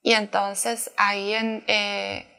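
A woman's voice: mid-range voice, little pitch movement, takes it slowly, gravelly, bright, forceful tone. A woman sharing a personal testimony as a church planter in conversation, earnest and emotional, often restarting her sentences.

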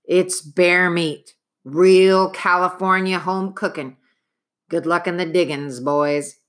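Woman playing a folksy rough mountain man. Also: fairly low pitch, fairly even intonation, slow. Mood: hearty. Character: rough hearty male frontier mountain man.

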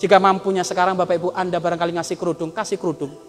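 A man preaching a sermon, moving between loud emphatic urging and soft, tearful appeals. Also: high-pitched, flat delivery, racing. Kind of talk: sermon to a congregation. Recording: long hall reverb, faint music behind.

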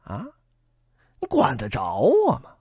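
A man's voice: on the high side, sing-song, measured pace, no echo, clean studio sound, voice pushed down. Sly ruffian boatman, taunting and greedy; a man performs him in a storytelling piece. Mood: mocking. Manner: sneering, taunting.

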